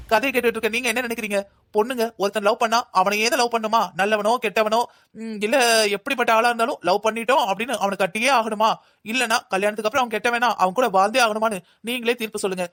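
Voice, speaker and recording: A raised, very rapid male voice for a man playing a stern cartoon inspector who keeps his squabbling officers in line. He gives orders firmly, with soft music underneath. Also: sits high. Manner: firm, commanding. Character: stern male police inspector, the team's boss. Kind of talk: cartoon dubbing.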